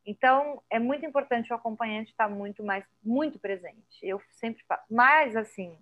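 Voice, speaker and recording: A woman with a Brazilian Portuguese accent, a doula guest in a casual podcast chat, telling stories lively and acting out what people said. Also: a little high, normal speed. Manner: lively storyteller acting out quoted dialogue. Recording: slightly dull lo-fi podcast audio.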